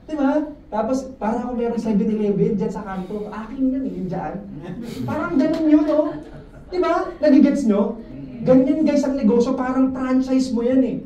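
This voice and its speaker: A man giving a lively, joking motivational talk to his insurance sales team, often asking the room questions. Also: very high voice, muffled recording. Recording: echoey room, mic at a distance, faint noise.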